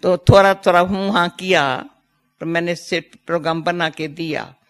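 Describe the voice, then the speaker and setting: An older woman giving a devotional talk, telling personal stories in an unhurried way and quoting others in dialogue. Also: fairly low pitch, steady tone. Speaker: spiritual teacher.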